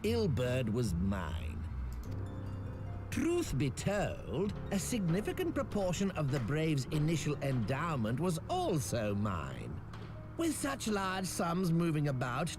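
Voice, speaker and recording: A man's voice: fairly high pitch, huge pitch swings, a little slow, full character voice. A man playing a smug, scheming merchant magnate in a video game, with a pompous, oily grand-vizier delivery and archaic, formal phrasing. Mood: haughty, gloating. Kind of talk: scripted game dialogue, archaic formal diction. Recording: music behind the voice.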